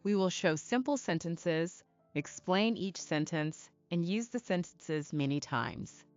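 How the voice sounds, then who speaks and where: Calm, low-voiced woman teaching slowly. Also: no echo, dull audio, faint music behind. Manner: clear, deliberate, repeat-after-me delivery. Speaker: English teacher. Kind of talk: slow scripted lesson narration.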